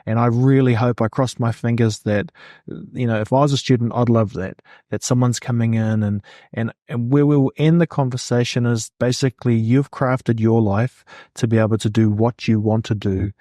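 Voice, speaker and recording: A man's voice: medium pitch, fairly even intonation, moderate pace, dark tone, no echo, clean studio sound. A man hosting a podcast interview in front of a classroom, speaking in an encouraging way. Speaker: podcast host.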